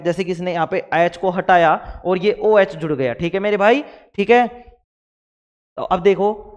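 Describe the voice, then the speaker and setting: A male teacher with a high voice gives a classroom lecture. He fires questions at his students and answers them himself. His voice rings with a long reverb, as if he were recorded in a hall. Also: muffled recording. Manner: voices imagined student replies.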